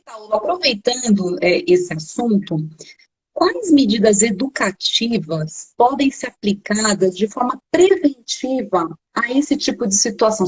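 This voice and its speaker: A Brazilian woman hosting a live-streamed interview, reading out audience questions in a lively, chatty way. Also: medium pitch, slightly rough, rough recording. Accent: Brazilian Portuguese. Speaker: interviewer, editor-in-chief.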